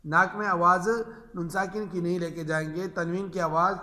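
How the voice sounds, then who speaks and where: A man with an Urdu accent teaching Quran recitation rules, speaking patiently and repeating each example slowly in a drawn-out chant. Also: sits high, flat delivery, pushed and bright, echoey room.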